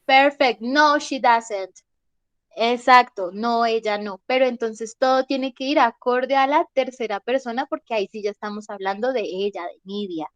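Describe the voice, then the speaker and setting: A woman's voice: fairly high pitch, normal speed, few pauses, a bit bright, no echo, lo-fi sound. A woman teaching an English grammar class, explaining patiently and checking in with her students often.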